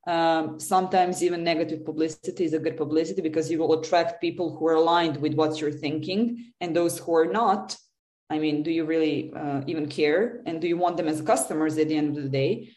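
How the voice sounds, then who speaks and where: A woman from Serbia, a business development lead appearing as a guest, answers interview questions earnestly, using many fillers and restarts. Her voice is low, brisk and a little mellow, and the recording has a roomy echo.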